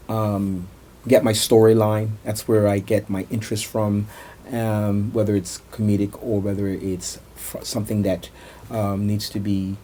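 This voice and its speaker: Low, even-toned man, noisy outdoor setting. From Bermuda. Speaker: artist being interviewed. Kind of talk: considered interview talk. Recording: clear outdoor nature noise.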